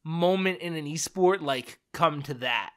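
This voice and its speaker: A young man co-hosting a casual podcast chat, excitable and rambling with lots of fillers. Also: a little high, unhurried, clean tone. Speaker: podcast co-host.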